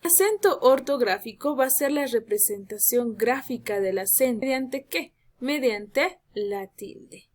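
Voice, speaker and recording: A woman teacher giving a lesson, speaking slowly and emphatically and drawing out her example words. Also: on the high side, animated. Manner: addresses students as "jóvenes". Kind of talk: classroom lesson.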